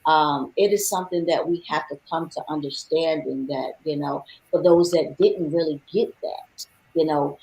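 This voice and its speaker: A woman's voice: deep voice, moderate pace, vocal fry, darkish tone. A woman hosting a panel talk show, telling a heartfelt personal story with lots of "you know.". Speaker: show host. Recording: roomy echo.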